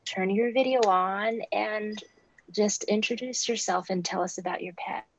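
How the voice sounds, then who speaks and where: A woman's voice: medium pitch, a little slow, dry recording, low-quality recording. A woman moderating an online class, organized and polite as she steers the schedule. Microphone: video call.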